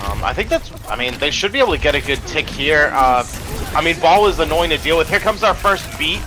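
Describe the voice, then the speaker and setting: A man's voice: fairly high pitch, lively intonation, quick pace, music in the background. A man casting an amateur video game match with playful, rambling play-by-play commentary full of ums. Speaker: esports caster.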